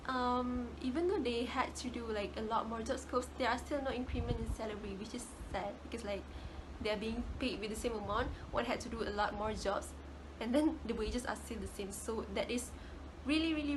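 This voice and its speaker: Over background noise, a young woman's voice sits on the high side as she delivers a relaxed class presentation. Her accent is Malaysian English, and she tends to repeat words when reaching for how to say something.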